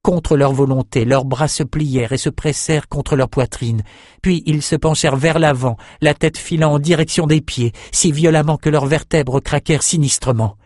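A man narrating a dark fantasy novel in a steady, even reading voice. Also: a little high, moderate pace, no room sound, clean studio sound. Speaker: audiobook narrator.

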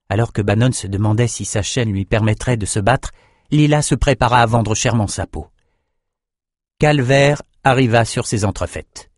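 Audiobook narrator, male, low-pitched, steady scripted reading. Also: dry recording, studio quality.

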